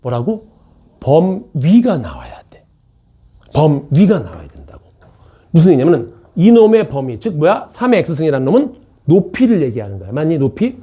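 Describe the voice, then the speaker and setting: A math teacher in a classroom, a man whose voice is soft and a little husky. He rises and falls a lot as he talks. He jokes with his students and keeps hammering the key point, checking that everyone is following. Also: fairly high pitch, very animated, a little fast. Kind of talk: classroom lecture. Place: academy classroom.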